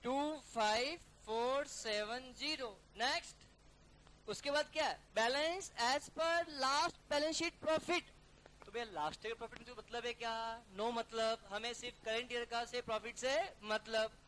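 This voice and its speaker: A male accounting teacher giving a classroom lecture, briskly coaxing students to call out figures and mixing English terms into his talk. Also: very high voice, pushed and bright. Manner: calls students "beta" and "yaar". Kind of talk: classroom lecture working through a problem.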